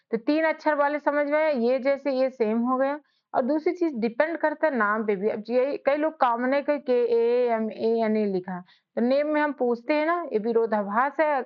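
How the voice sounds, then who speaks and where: Woman teaching spelling slowly. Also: high-pitched, highs cut off. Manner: slow spelling out of letters, repeating words. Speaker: English teacher, channel host. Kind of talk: spoken spelling lesson.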